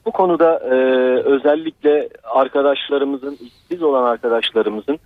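A man calling in to a radio show over a landline telephone, talking hesitantly with many pauses. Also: medium pitch, no echo. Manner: hesitant, halting, full of pauses. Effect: landline telephone line. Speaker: radio call-in caller. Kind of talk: call-in opinion. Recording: dry tinny phone line.

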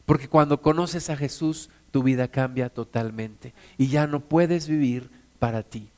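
A man's voice: medium pitch, a little slow. A man preaching a sermon to his congregation, calling them sisters and brothers and acting out the quotes he tells with a raised voice. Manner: acts out quotes with raised, shouting voice.

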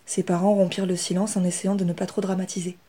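A woman, the author, reading her children's story aloud with expressive character voices. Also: on the low side, fast talker, husky.

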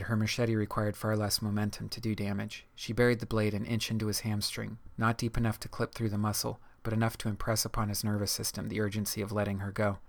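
Low, flat-voiced male narrator. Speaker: audiobook narrator. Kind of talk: scripted narration.

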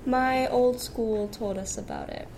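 A woman's voice: a little high, wildly swooping pitch, measured pace, a little mellow, poor audio. Young woman answering briefly over noise. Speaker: new high school senior. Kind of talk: interview answers.

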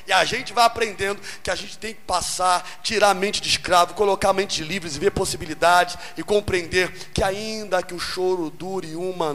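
A man with a Brazilian Portuguese accent preaching an animated sermon, calling out to the congregation for amens. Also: high voice, in a large hall.

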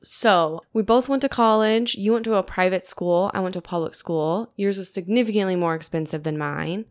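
A woman in her late twenties hosting a casual podcast, chatting in an animated way with lots of "like" fillers. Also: mid-range voice, normal speed. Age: 20s. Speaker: podcast host.

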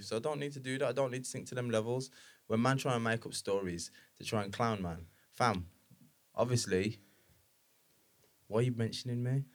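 A man with a London roadman accent chatting casually in street slang, emphatic and insistently repeating his phrases. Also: mid-range voice. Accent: London roadman, multicultural London street English. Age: adult, married with children. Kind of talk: casual chat, slang-heavy.

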